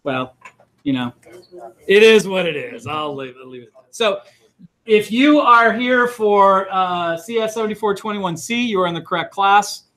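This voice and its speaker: A man's voice: high voice, expressive, moderate pace, sharp tone. A middle-aged man teaching a college class, talking casually with many fillers and restarts while he calls roll in a classroom. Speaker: college instructor. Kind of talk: classroom lecture, taking roll call.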